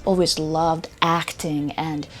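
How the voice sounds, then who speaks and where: Slow and flat, this woman's low-pitched voice carries a Norwegian accent over a noisy background. She is a vlogger from Norway in her twenties, reading scripted personal narration with an earnest, upbeat feel.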